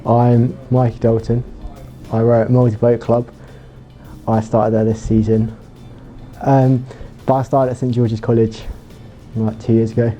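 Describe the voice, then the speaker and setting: Dark, mellow, monotone young man. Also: mid-range voice, a little slow, soft background music. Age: late teens. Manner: loose, chatty, many fillers. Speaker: junior rowing crew member. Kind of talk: casual interview answers.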